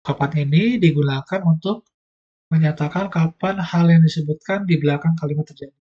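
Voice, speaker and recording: A man's voice: fairly high pitch, brisk, dark tone, slightly rough, muffled recording. A man teaching an online language lesson, explaining patiently step by step.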